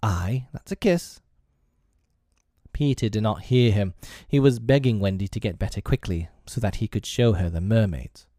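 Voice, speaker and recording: A man reading a children's classic aloud as an audiobook narrator, in an expressive storytelling way. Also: fairly low pitch, brisk, hardly any pauses, no room sound, clean studio sound. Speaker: audiobook reader.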